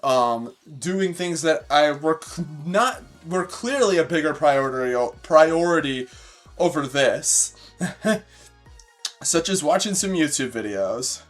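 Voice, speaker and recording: A man streaming a game, chatting casually, rambling and correcting himself, swearing often and getting excited. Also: a little high, slow, faint music behind. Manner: excitable, bursts into laughter. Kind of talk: casual gameplay commentary.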